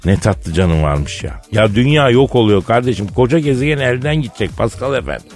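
A man's voice: medium pitch, very animated, brisk, a little mellow, faint music behind. A man hosting a comic radio show, teasing his partner with a mock-serious tale in a studio. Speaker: radio comedy host.

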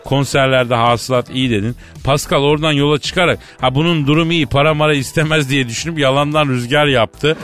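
Guy cracking jokes on a radio comedy bit, mid-pitch voice, fake phone call stuff, faint music under him. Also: brisk, hardly any pauses, fairly bright tone. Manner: jokey, teasing, mimics the other end of a phone call.

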